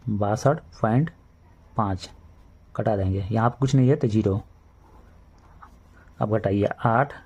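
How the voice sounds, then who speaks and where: A man with a Bihari Hindi accent teaching a maths lesson to children, explaining each step slowly and repeating himself. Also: mid-range voice, warm tone. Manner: slow, repetitive step-by-step explaining, addresses children.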